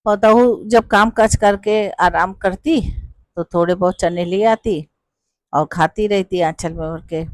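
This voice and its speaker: A storyteller tells a devotional folk tale in a homely, rustic manner, sprinkling in village dialect words. The pitch sits in the middle range. The recording is close and dry, with no room sound. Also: a little slow, no echo.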